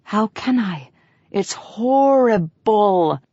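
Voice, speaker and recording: A woman's voice: mid-range voice, expressive, measured pace, husky, no echo, muffled recording. A woman reading an audiobook voices a moody, hectoring female artist who stretches her words with emphatic stresses. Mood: dramatic complaining.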